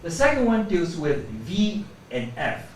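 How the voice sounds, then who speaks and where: Male speech teacher, higher-pitched voice, drills words aloud, recorded off-mic in a roomy space. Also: very animated. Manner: demonstrates sounds slowly, repeating words. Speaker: pronunciation teacher. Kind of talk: pronunciation lesson with demonstrations. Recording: echoey room, voice from a distance, faint background hum.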